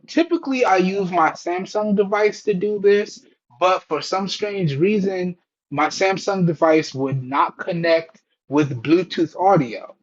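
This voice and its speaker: Recorded indoors at home on a Bluetooth wireless earbud mic, this tech reviewer and channel host walks viewers through a product test in a casual, folksy, explanatory manner. His voice is fairly high, and the highs are cut off.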